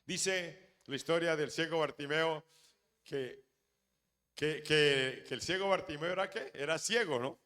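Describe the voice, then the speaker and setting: A pastor preaching a sermon, acting out the voices of people in the stories and swinging between loud exclamations and hushed asides. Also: male voice, fairly high pitch, a little slow, in a large hall.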